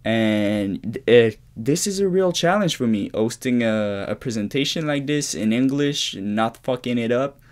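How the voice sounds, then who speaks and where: This medium-pitched, darkish voice is expressive and measured, with hardly any pauses. It's a native French speaker from Quebec, early twenties, hosting his English-language podcast from his bedroom in a shared apartment, rambling casually through an unscripted monologue with restarts and swearing in his Québécois accent.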